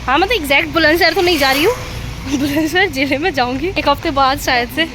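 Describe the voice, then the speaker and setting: A young woman with a hoarse throat from a cold, chatting in a rambling, self-mocking way as she vlogs her day. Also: high voice, fast, background noise. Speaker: vlogger. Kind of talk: casual vlog chat.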